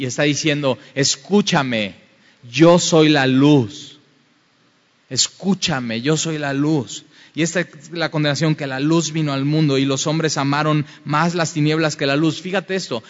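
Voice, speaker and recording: A man preaching a fervent sermon that rises to loud, emphatic passages. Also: medium pitch. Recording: dull, reverberant hall sound.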